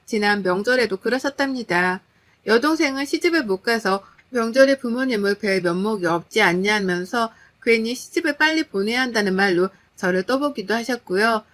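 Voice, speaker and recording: A woman's voice: medium pitch, a bit bright. A woman narrating a first-person story in an indignant, dramatic manner.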